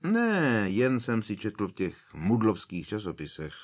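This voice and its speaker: A man doing a calm, wry old headmaster wizard, kindly and unhurried in his dry humor. The deep, low voice stays composed, a storybook sage who is never rattled.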